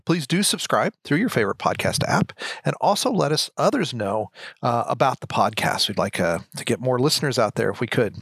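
An American man speaks as a podcast host, calling in from his backyard outdoors. His voice sits at an everyday middle pitch, with a dry, close sound. The delivery is casual and informal. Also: expressive, a little fast, creaky, fairly bright tone, breathy edge, no room sound.

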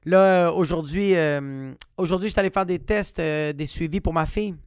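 Brief: male podcast host with a Quebec French accent, swears a lot, animated, dry close sound. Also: on the high side, normal speed, clear, resonant tone, no room sound. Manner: profane, animated, bursts into shouting. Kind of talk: comic storytelling monologue.

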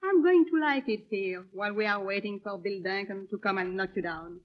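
A woman's voice: mid-range voice, a little fast, highs cut off, close to an everyday voice. An actress playing a feisty, fussy young woman, teasing and blunt in an old film comedy style. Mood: airy, sardonic. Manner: theatrical, blunt, teasing, complaining.

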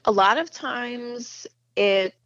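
A woman's voice: a little high, takes it slowly, fairly bright tone, dry recording. A singer-songwriter from Western Maryland, a woman, speaking over the phone in an interview, thinking aloud in a hesitant way. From Western Maryland, USA. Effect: phone line. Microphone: telephone. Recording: dull lo-fi phone line.

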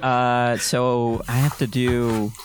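A man's voice: mid-range voice, level tone, slow pace, slight background noise. Laid-back, wry man on a podcast. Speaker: podcast guest. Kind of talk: casual group chat.

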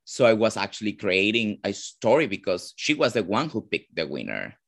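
Venezuelan-accented man, low voice. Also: huge pitch swings, normal speed, vocal fry, a bit bright. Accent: Venezuelan Spanish. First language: Spanish. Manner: searching for words, frequent "like" fillers. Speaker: drag performer, guest. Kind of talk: casual interview answers.

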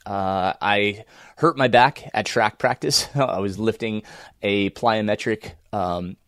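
An American man with a croaky, froggy voice, congested from a cold, talking casually and unhurriedly as he hosts a solo podcast. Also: lowish voice, slow pace, a bit bright, no echo, clean studio sound. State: under the weather, congested. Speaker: podcast host and running coach.

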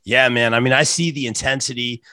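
A man's voice: medium pitch, fairly even intonation, fairly quick, sharp tone, no room sound. A man hosting a casual interview in an informal, chummy way. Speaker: interview host.

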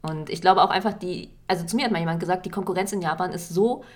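A German woman co-hosting a podcast, chatting in a relaxed, matter-of-fact way. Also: fairly low pitch, fast talker. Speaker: podcast co-host. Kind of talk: casual chat.

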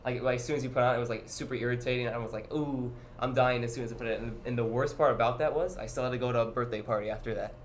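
A teenage boy in casual chat, laughing often and firing quick questions. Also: mid-range voice, steady tone, a little hiss or hum.

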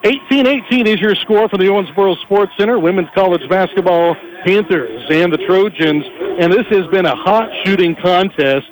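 A man calling live basketball play-by-play on a broadcast headset, rapid and energetic, his voice rising on big plays. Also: high voice, low-quality recording. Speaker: play-by-play announcer.

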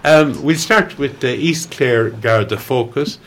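A man presents local radio in a mid-pitched voice. His delivery is informal and chatty, as a host introducing and talking with guests. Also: measured pace, a bit bright, slight background noise, poor audio.

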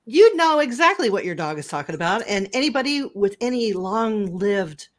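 A woman's voice: mid-range voice, big pitch swings, normal speed. A woman chatting casually and giving her opinions, reflectively weighing both sides of her own argument.

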